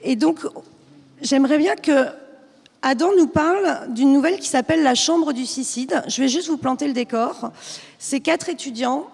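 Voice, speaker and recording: Enthusiastic woman bookseller, high voice, long hall reverb. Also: moderate pace, vocal fry, a little mellow. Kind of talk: book presentation at a panel.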